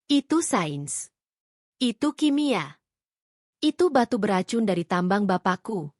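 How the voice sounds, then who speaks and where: A woman's voice: mid-range voice, sing-song, unhurried, no room sound, studio quality. A woman voicing a scheming husband who is exposed and turns angry and menacing in a read-aloud story. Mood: furious. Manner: shouting, menacing.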